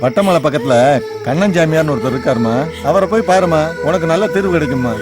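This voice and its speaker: An actor playing a household elder who gently consoles a grieving servant in a film drama, with loud music behind him. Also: male voice, fairly high pitch, expressive, quick pace, lightly acted.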